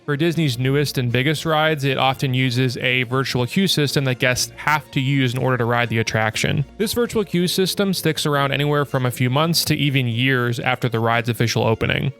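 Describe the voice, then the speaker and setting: A man's voice: mid-range voice, a little fast, few pauses, a bit bright. Young man, video essay narration, blunt, sarcastic, faint music underneath.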